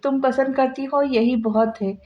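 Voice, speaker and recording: A female narrator voicing a caring young woman in a soft, reassuring way. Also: high-pitched, fairly even intonation, normal speed, highs cut off, close to an everyday voice. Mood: tender.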